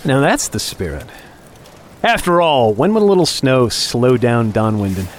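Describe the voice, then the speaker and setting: In a dramatic audio fiction piece, a man voices a younger male office underling on a hunt, a falsely chummy companion who needles and menaces, talking on with mock cheer and taunts. His mid-range voice is very animated and natural at normal speed, with a little hiss or hum.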